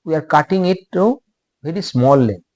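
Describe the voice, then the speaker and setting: A man with an Indian English accent giving a technical lecture, speaking in short halting phrases and repeating himself. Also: on the high side, expressive, a little mellow, no echo.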